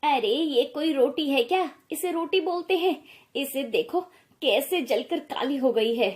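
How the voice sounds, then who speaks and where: A woman's voice: high voice, animated, measured pace. A woman playing a nagging, scornful mother-in-law. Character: scolding middle-aged mother-in-law, harsh and complaining. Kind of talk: animated storybook voice acting.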